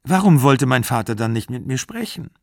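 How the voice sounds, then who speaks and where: A man's voice: medium pitch, big pitch swings, brisk, vocal fry, dry recording, studio quality. A man voicing an upset young woman. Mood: worried.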